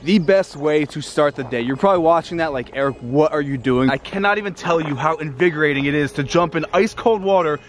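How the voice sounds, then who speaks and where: A young man narrating his travel vlog with excited energy, partly outdoors in winter and inside a sauna. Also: a little high, quick pace, few pauses. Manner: enthusiastic, excitable, shouts and laughs in the cold. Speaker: travel vlogger. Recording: vlog with clear background music.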